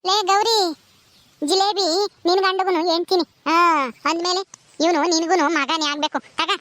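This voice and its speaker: A woman's voice: very high voice, steady tone, moderate pace, a bit bright. A woman playing a bossy village woman who lectures a younger wife about caring for a baby, in a village family drama. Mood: lecturing. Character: scolding village woman counselling Gauri.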